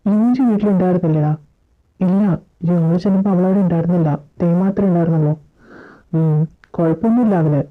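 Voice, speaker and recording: A woman's voice: on the low side, fairly quick. A woman acting out a fan-made audio story, dramatically switching between character voices. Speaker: storyteller voicing all characters. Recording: phone-like lo-fi audio with faint music.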